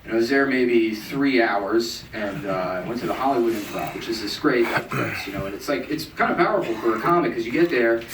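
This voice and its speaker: A young comedian talks through a deadpan, self-mocking stand-up set, jumping into a high, mocking voice for the people in his stories. His voice sits at an everyday middle pitch. It comes from an amateur club recording, picked up from a distance in an echoey room with loud noise underneath. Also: fairly quick, few pauses. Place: comedy club stage with audience laughing.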